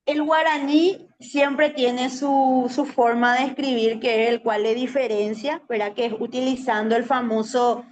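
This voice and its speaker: A woman's voice: on the high side, fairly even intonation, a little slow, hardly any pauses. A woman from Paraguay with a Paraguayan Spanish accent, a Guaraní teacher answering radio interview questions in an explanatory way that keeps tagging "¿verdad?". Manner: explanatory, often adds "¿verdad?". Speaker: guest, Guaraní language teacher.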